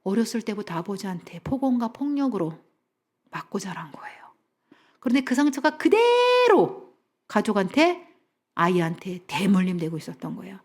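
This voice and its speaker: A middle-aged woman counselor giving a lively seminar talk in a church. She has the audience repeat phrases after her and drops to a soft whisper for emphasis. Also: medium pitch, moderate pace. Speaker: family counselor, guest speaker.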